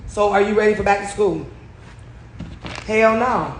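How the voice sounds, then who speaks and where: A man's voice: high voice, a little slow. A man in his forties hosting a casual chat over drinks, loose, joking and profane. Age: 40s. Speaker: host. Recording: echoey room with background noise.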